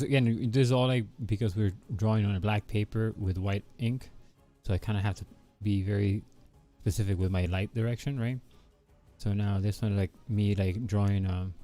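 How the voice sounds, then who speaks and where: A man casually chatting with viewers while drawing on a live stream, rambling with lots of fillers. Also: on the low side. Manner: relaxed, rambling, many fillers like "you know" and "like". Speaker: livestreaming artist. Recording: soft background music.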